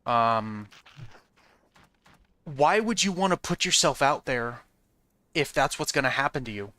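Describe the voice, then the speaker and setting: A man streams a game and chats with his viewers in a rambling, frank, profane way, often asking "you know what I mean?" and swearing now and then. His medium-pitched voice is lively in intonation, a little slow, pushed and bright.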